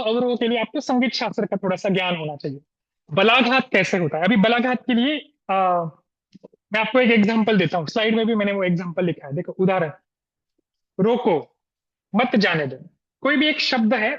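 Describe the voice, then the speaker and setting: A man giving an online guest lecture over a video call, explaining slowly with pauses and demonstration examples. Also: extremely high pitch, a bit bright, muffled recording. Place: room in Gujarat.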